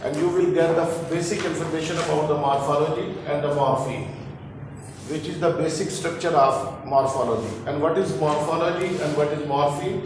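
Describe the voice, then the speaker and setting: A male teacher lecturing on word structure, explaining slowly and repeating key terms as he switches between English and Hindi-Urdu. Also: fairly high pitch, background noise. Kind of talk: classroom lecture on linguistics. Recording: very echoey room, heard from a distance.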